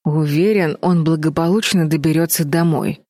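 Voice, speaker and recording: Wary young man in a storybook, flat and dry; woman narrator reading him in her own low voice. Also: dry recording, lightly acted. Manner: slow, dry remarks. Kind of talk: audiobook character voice.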